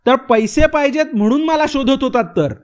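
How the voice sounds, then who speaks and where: A man voicing a sharp-tongued young woman who scolds her old friends scornfully in a storybook reading. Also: extremely high pitch, normal speed, pitched above the performer's own voice.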